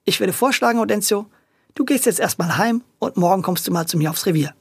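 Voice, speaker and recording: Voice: medium pitch, animated, a little fast, vocal fry, slightly rough, dry recording, clean studio sound. A storyteller voicing an experienced, dutiful policewoman who speaks firmly and matter-of-factly in a children's audio story. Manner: firm and matter-of-fact.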